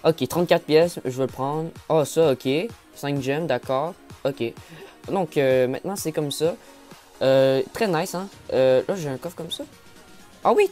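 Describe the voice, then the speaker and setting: A man with a mellow, soft-edged voice talks through a game update in casual commentary, reading notes aloud. He stumbles over words, restarts and apologizes for his stammer. Faint music plays behind him. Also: on the high side. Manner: stammers and apologizes often, many fillers. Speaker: gaming YouTuber.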